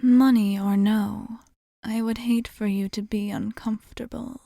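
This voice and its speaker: A woman takes the role of a gentle, well-mannered vampire bartender for ASMR, her soft, breathy near-whisper carrying formal, polite reassurance. She pitches a little high and keeps a steady tone at a measured pace, sounding gentle yet hesitant. The studio-quality audio has no room sound.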